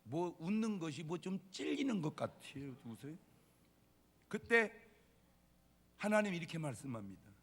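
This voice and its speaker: A man's voice: fairly high pitch, big pitch swings, normal speed, pauses often, fairly bright tone, big-room sound. A man preaching a sermon as a pastor, emphatic and dramatic, asking rhetorical questions.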